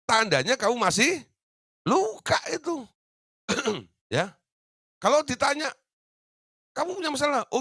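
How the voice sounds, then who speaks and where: Lively pastor with bright voice. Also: male voice, mid-range voice, no echo, clean studio sound. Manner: lively, chuckles often, acts out quoted reactions. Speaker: pastor teaching a discipleship class. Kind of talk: sermon.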